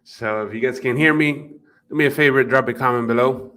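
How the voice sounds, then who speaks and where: A man's voice: medium pitch, brisk, bright, forceful tone. A man with a Spanish accent hosting a live marketing webinar from his office, chatting with viewers by name with plenty of fillers. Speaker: livestream host and marketing coach. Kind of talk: live webinar, casual chat. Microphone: desk microphone at computer.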